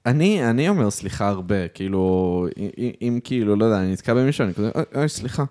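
A man hosting a casual podcast chat from an apartment, talking softly into a microphone with many restarts. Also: lowish voice, lively intonation. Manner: soft-spoken, halting with restarts. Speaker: podcast host. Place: apartment at home.

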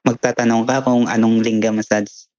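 A man's voice: mid-range voice, flat delivery, normal speed, darkish tone, no echo, highs cut off. A young man with a Filipino accent, answering interview questions politely, saying "sir" and ending thoughts with fillers. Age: young adult. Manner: polite and plain, says "sir" and "po", many fillers like "ganyan". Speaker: interview guest, massage therapist. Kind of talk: casual interview.

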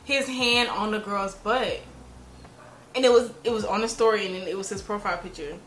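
A woman in her mid-twenties tells a story on a podcast in a relaxed, chatty way. Her voice sits at an ordinary middle pitch. A roomy echo hangs around her with a faint hiss underneath. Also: a little fast. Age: 20s. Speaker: podcast co-host. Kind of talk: casual chat.

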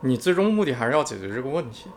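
A man co-hosting a podcast in casual chat, explaining calmly and patiently, often repeating words. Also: medium pitch, racing, a little hiss or hum. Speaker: podcast co-host.

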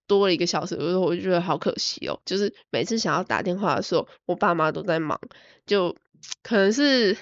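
A woman's voice: on the low side, a little fast, dry recording. A woman podcast co-host talking reflectively in a casual chat. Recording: dull, dry recording.

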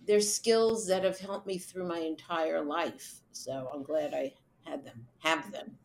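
Chatty middle-aged woman, slightly low voice. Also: steady tone, unhurried, slight background noise. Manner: chatty, laughs while telling stories. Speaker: event producer, guest. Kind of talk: conversational interview answers.

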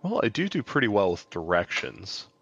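A man with a lowish voice plays his character at a tabletop game. He talks casually and rambles with fillers. The sound is a dull, lo-fi mic that is dry and close. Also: sing-song, normal speed, gravelly, a bit bright, slightly rough, no room sound. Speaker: player. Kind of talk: in-character tabletop role-play.

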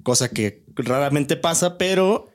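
Slightly high-voiced Mexican man hosting. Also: animated, unhurried. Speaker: podcast host. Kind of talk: casual joking chat.

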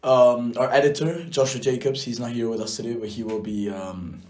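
A man's voice: mid-range voice, fairly even intonation, a little fast, darkish tone. A teenage boy from Spain co-hosting a casual podcast, talking hesitantly with lots of ums and uhs. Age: teens. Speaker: podcast co-founder. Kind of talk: casual chat.

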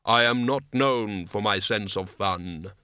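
A man voicing Death, an ancient, solemn and literal male reaper, speaking slowly and gravely in an audiobook reading. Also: lowish voice, bright, forceful tone, no echo, clean studio sound. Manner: slow, measured, grave delivery.

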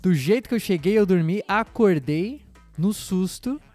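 A young man on a casual podcast, his voice sitting a little high and swinging from loud bursts to mumbled asides as he tells a story. He talks in slang. Faint music plays behind him. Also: expressive, measured pace, no room sound. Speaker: podcast co-host. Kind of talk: casual chat.

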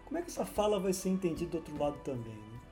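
Fast-talking woman, mellow tone. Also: low-pitched, sing-song, soft background music. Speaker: panelist. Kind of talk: casual discussion.

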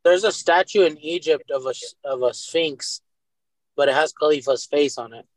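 A man's voice: on the high side, normal speed, no echo, rough recording. A man in a casual chat over a video call, spinning absurd jokes. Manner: joking, absurd riffs.

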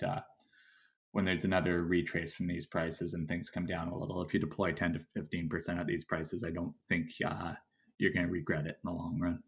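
A man co-hosting a casual Q&A, talking in an unhurried, hesitant way with many ums and uhs. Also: low voice. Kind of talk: casual live Q&A chat.

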